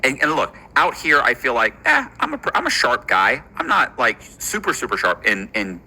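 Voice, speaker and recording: A man's voice: mid-range voice, sing-song, normal speed, sharp tone, husky, poor audio. A man talking casually about his time in prison, earnest and restarting his sentences often. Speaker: former inmate. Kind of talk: casual conversation.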